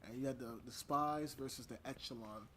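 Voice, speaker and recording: A man's voice: medium pitch, a little fast, fairly bright tone, slight background noise. A man giving casual, slangy let's play commentary as he plays a video game. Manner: laid-back, slangy. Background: game music.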